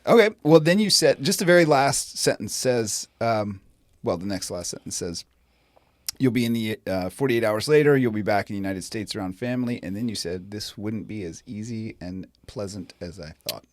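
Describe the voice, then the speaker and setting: A man's voice: fairly low pitch, expressive, moderate pace, no room sound. Man hosting a casual interview. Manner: interjects short reactions and reads from the book. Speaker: podcast host.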